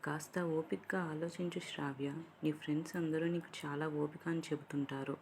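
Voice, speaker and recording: A woman voicing a gentle, caring young man who talks to his girlfriend in a soft, pleading way. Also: sits low, flat delivery, fairly quick, slight background noise. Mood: reproachful.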